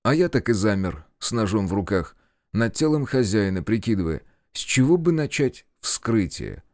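A man reading a gritty first-person audiobook, narrating with lively delivery and voicing the dialogue, sometimes breaking into shouts. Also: lowish voice, moderate pace, no room sound, studio quality.

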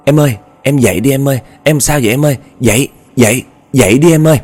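A man's voice: medium pitch, fast talker, a little mellow, pitched above the performer's own voice, close to an everyday voice. Man doing a worried husband urging. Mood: urgent coaxing. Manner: urgent, coaxing. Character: worried young husband waking his wife.

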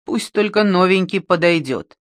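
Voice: mid-range voice, expressive, moderate pace, no room sound, clean studio sound, close to an everyday voice. Proud bull, defiant, reader voicing it, joke tale.

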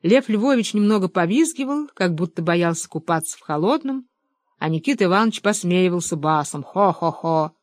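A woman narrating a literary audiobook in a measured, expressive way. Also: lowish voice, dry recording.

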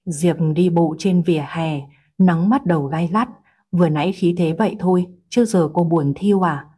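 Brief: woman storyteller, steady read, low, dark-toned, husky. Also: moderate pace. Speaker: narrator. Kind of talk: storybook narration.

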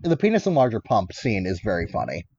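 A man co-hosting a podcast, chatting about a film with lively interjections and laughter. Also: fairly low pitch, fast talker, husky, muffled recording. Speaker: podcast co-host. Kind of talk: casual film discussion.

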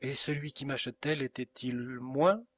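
A man's voice: medium pitch, normal speed, pitched above the performer's own voice, lightly acted. Indignant young woman, voiced by a man, audiobook reading, scornful, defiant.

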